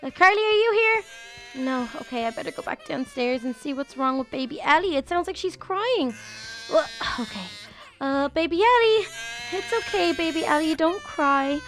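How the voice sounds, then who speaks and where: Young woman with a high voice chatting thru a minecraft roleplay, motherly, kids music behind. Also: animated, moderate pace, a bit bright. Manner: chatty and motherly, with gasps and lots of fillers. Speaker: YouTube role-play host. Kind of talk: Minecraft role-play narration.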